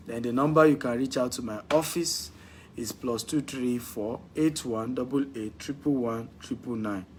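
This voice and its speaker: A man's voice: mid-range voice, a little hiss or hum. A Nigerian man hosting a live podcast Q&A, exhorting listeners and repeating key lines for emphasis. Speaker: podcast host. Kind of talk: live-stream Q&A.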